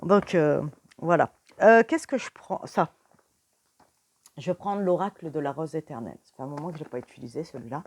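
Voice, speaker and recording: A woman's voice: sits low, fairly quick, a little mellow. A tired young woman giving a casual card reading, chatting straight to the viewer with many fillers. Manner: whispers questions to the cards. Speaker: tarot reader.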